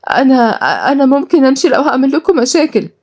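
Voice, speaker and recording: A woman doing a shrill frightened Egyptian girl. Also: animated, racing, a little mellow. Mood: pleading. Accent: Egyptian Arabic. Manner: pleading, shrill, panicked. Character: frightened young orphan woman, pleading.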